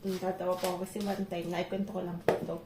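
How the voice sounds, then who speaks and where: A woman's voice: lowish voice, little pitch movement, rapid-fire, background noise. Filipina lady cooking and chatting, laughs a lot, clanky echoey kitchen. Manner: chatty, laughs while telling stories. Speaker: vlogger. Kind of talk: casual cooking vlog chat. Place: home kitchen. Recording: echoey kitchen with loud clatter.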